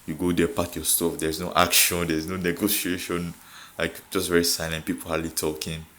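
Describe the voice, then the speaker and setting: Low-voiced young Nigerian man vlogging. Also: flat delivery, moderate pace, a bit bright. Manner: laughs often, code-switches, repeats filler "like". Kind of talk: casual monologue to camera.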